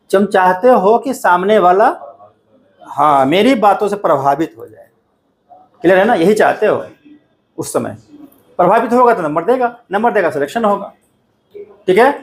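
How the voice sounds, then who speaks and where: A man's voice: high voice, lively intonation, normal speed. A middle-aged man teaching a class, lecturing students directly in a conversational classroom style and often checking they follow. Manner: addresses students directly, repeats "ठीक है ना" often. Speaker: coaching teacher.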